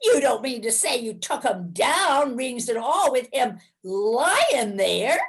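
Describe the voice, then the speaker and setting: A sly old junk dealer, grudging and pleased with himself played by a woman. The voice is high and swoops freely, with slow, wry, theatrical phrasing for a storybook reading. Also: very animated, exaggerated voice. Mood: incredulous. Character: sly old male rag dealer, grudging, self-satisfied haggler. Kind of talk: dramatic reading of a classic story.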